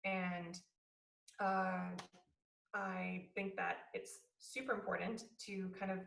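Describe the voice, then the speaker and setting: A woman in her thirties from Canada, giving a guest talk in a relaxed, conversational way with frequent fillers. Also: medium pitch, takes it slowly, creaky, slight background noise. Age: 30s. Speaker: guest speaker, athlete. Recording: echoey room, distant mic.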